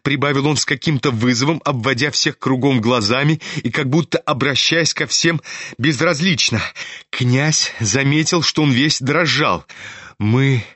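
A man narrating a classic novel in a measured, even storytelling voice. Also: medium pitch, breathy edge, dry recording. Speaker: audiobook narrator. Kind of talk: literary audiobook narration.

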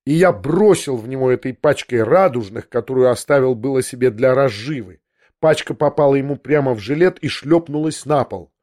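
A man reading a literary audiobook in the first person, narrating in a measured, tense way. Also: medium pitch, a little mellow, no room sound, clean studio sound.

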